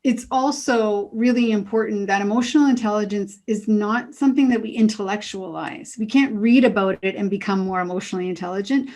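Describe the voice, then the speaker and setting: A middle-aged woman answering interview questions as an emotional intelligence coach, calm and earnest, giving advice. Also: medium pitch, a little fast, few pauses.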